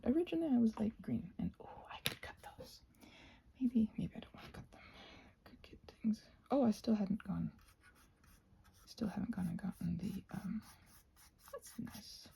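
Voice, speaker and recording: With a slightly high, gravelly voice that is mellow and husky, a North American craft and ASMR vlogger chats as she makes things. She thinks aloud in a playful, scatterbrained manner, often trailing off into murmurs.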